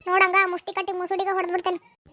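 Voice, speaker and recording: Bossy shrill little kid. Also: female voice, completely flat delivery, racing, pushed and bright. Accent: North Karnataka Kannada. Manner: sulky, threatening, childish. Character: stubborn bossy little child. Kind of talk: cartoon voice acting.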